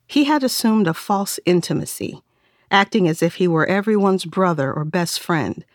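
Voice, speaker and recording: A woman reading a novel aloud as narrator, in a wry, measured storytelling manner. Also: fairly low pitch, dry recording, clean studio sound. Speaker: audiobook narrator. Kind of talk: scripted narration.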